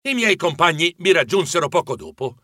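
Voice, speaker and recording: A man narrating a children's adventure audiobook with playful, expressive storytelling. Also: fairly high pitch, a little fast, dry recording, studio quality.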